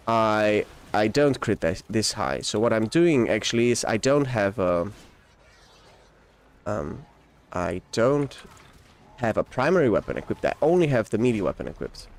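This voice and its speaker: Speaking at a moderate pace in a mid-range voice with big swings in pitch, an Austrian-born man chats during a game live-stream. He's enthusiastic and laughs frequently, rambling and often starting over or correcting himself.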